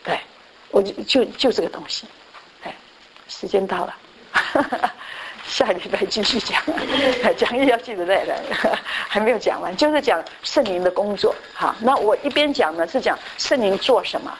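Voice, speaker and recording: A woman pastor giving a conversational Bible class. She repeats her phrases and often fills her pauses with a short affirming word. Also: mid-range voice, lively intonation, slight background noise, poor audio.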